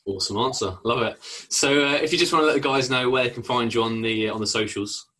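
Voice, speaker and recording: A man's voice: mid-range voice, fast, sharp tone. A man hosting a casual fitness podcast interview, with an affirming, laid-back, slangy way of talking. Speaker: podcast host, fitness coach.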